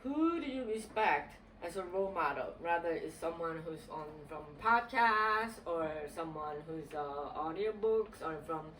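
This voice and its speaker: A woman's voice: on the low side, expressive, measured pace, few pauses, a bit bright. A woman interviewing her husband in a casual, chatty way. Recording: distant mic, noisy room ambience.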